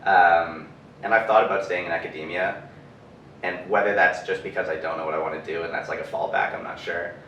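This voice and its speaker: A man's voice: sits low, fairly quick, slight background noise. A young man from Canada, an architecture student, answering casually with many hesitations. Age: young adult. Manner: relaxed, hesitant, many fillers. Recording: echoey room, distant mic.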